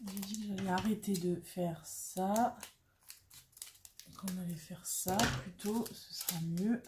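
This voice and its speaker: A woman's voice: medium pitch, steady tone, slow, background noise. A woman chatting casually and mocking herself while she works on a craft, thinking aloud as she goes. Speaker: craft vlogger.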